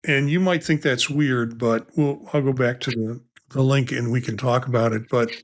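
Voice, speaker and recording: Here a man co-hosts a casual tech podcast at a mid-range pitch, talking into a podcast mic. He rambles, restarts his sentences and drifts into asides as he goes. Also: steady tone, normal speed. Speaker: podcast co-host.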